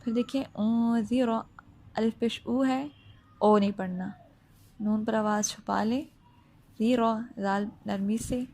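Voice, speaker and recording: In this Quran recitation lesson, a woman's mid-range, somewhat dark voice teaches tajweed. Her recitation is slow and stretched, followed by patient, plain explanation of pronunciation one step at a time, with frequent checks that the listener keeps up.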